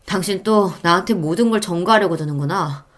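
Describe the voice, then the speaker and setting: A woman's voice: lowish voice, a little fast, lightly acted. A woman voicing a young husband who argues in a cool, cutting way.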